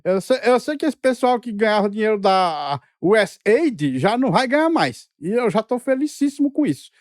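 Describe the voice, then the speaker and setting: Lively, sarcastic co-host voice. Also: medium pitch, moderate pace, no echo, studio quality. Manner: sarcastic, mocking asides. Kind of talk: political react commentary.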